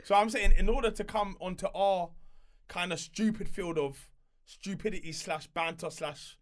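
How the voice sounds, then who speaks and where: A man's voice: high voice, moderate pace. A man with a London roadman accent, a guest chatting and bantering casually in street slang. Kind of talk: casual chat show banter.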